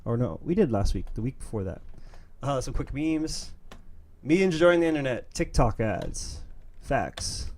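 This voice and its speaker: A young man from New York City hosts his own streamed opinion show, giving a casual monologue as he reads memes. His mid-range, darkish voice swings widely in pitch and runs a little slow. He speaks earnestly and emphatically, with many fillers and restarts.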